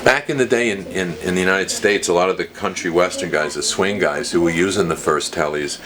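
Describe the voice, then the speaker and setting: With crowd noise around him, a man in his fifties speaks in a low voice and a little fast. He explains things in a casual, storytelling manner like a shop dealer with a visitor, inside a small, cluttered guitar shop, captured on a noisy handheld camera whose mic is a short distance away.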